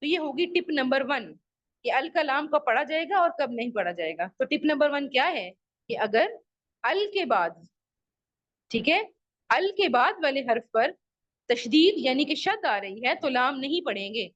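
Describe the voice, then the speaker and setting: A woman's voice: high-pitched, sing-song, a little slow, fairly bright tone, no room sound, muffled recording. A woman teacher giving an online lesson to children, patiently repeating rules and examples and asking the class questions. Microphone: video call microphone.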